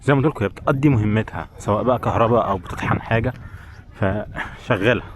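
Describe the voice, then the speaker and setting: In a lowish voice at a quick pace, a man with an Egyptian Arabic accent chats informally with viewers as he walks through a bustling tourist village. Background noise from the crowd and street is audible throughout.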